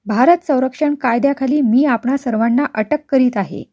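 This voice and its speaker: A woman's voice: high-pitched, moderate pace, dark tone. A woman voicing a smug, formally polite male military officer in a story.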